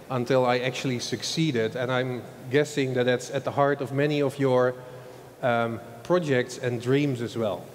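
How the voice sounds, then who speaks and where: In a large old event hall, with long reverb and slight background noise on the recording, a marketing executive from the Netherlands talks loosely and chattily at a conference. He has a Dutch accent, a medium-pitched, slightly mellow voice, and a habit of adding "huh?" to his sentences.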